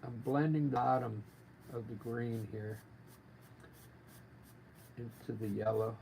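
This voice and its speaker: Gravelly man, gentle painting instructor. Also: mid-range voice, steady tone, slow pace, poor audio. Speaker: painting instructor, livestream artist. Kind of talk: casual live painting tutorial. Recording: noticeable background noise, live stream.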